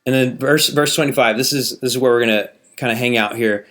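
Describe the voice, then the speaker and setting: A man's voice: mid-range voice, fairly even intonation, brisk, fairly bright tone. A man preaching a sermon in a casual, conversational way, reading scripture aloud and asking the listeners rhetorical questions.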